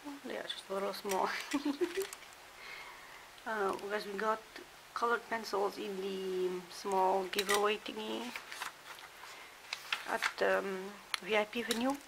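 A woman shows her things in a casual hotel-room vlog, the room dim, as she chats and now and then half-whispers. Her medium-pitched voice is slow and creaky, with long pauses. A steady hiss runs through the homemade recording.

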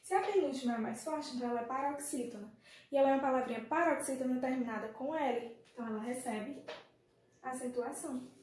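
This Brazilian teacher talks fast in a high, slightly mellow voice while leading an online lesson for young primary pupils. She addresses them fondly and poses questions to the class in Brazilian Portuguese, recorded in an echoing room with light noise.

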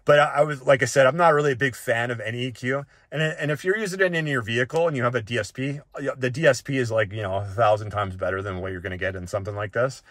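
A tech reviewer walks through a device in a casual, unscripted tutorial, talking conversationally and often checking in with the listener. His medium-pitched, fairly bright voice moves quickly with hardly any pauses, and there's no echo.

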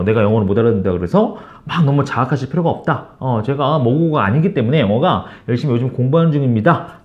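A man teaching English phrases to Korean learners, coaching warmly and repeating each phrase slowly. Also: mid-range voice, highs cut off. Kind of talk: online English lesson.

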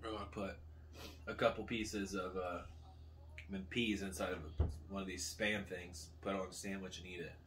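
Low-voiced man chatting casually. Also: flat delivery, normal speed, a bit bright. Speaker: host of a food challenge video. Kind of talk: casual chat while tasting food. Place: small living room at a table, indoors. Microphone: camera a couple of metres away. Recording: faint room noise, distant camera mic.

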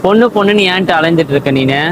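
A man playing a steady, reassuring best friend. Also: a little high, racing, close to an everyday voice. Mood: consoling. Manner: reassuring, repeats "okay?". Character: loyal young male friend, reassuring and steady. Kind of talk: amateur short-film acting. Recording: street traffic noise.

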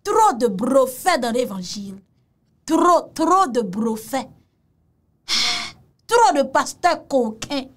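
Woman, mocking reaction commentator; high, very animated delivery. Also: takes it slowly. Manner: mocking and exclamatory, repeats phrases, mixes in Creole. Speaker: commentator reacting to a video clip.

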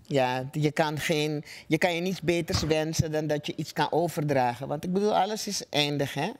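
An older man, a veteran stage actor, speaking slowly and reflectively. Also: on the high side. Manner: slow and reflective.

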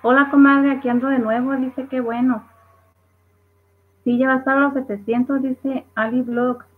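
A woman's voice: sits high, little pitch movement, normal speed. Woman reading live chat, tinny sound. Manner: reads viewer comments aloud with laughs. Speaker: livestream host. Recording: tinny phone-like livestream audio.

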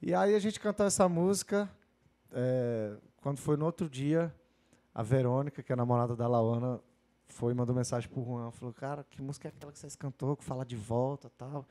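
A man's voice: medium pitch, a little fast, warm tone. A man, a singer, chatting casually as a guest and telling anecdotes. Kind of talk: casual chat.

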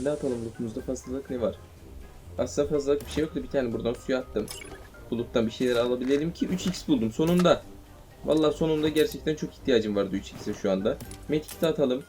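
A young man commentating his own mobile shooter game, shouting and swearing in fights, then calming himself down. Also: a little high. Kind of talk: live gameplay commentary. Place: indoors at home playing on a tablet. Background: game gunfire and music.

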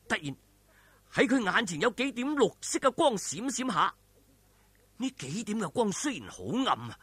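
Telling a martial arts tale aloud with lively drama and everyday language, this Hong Kong Cantonese-accented man throws in exclamations and sound effects made with his voice. The recording has no room sound, and his high-pitched voice is sharp and slightly breathy.

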